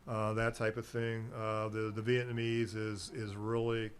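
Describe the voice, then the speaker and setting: In an unhurried, monotone, lowish voice, the herbal nutrition seller rambles through a casual chat on a local radio show. He's a chatty middle-aged guest who meanders and laughs easily, and a slight hiss or hum can be heard.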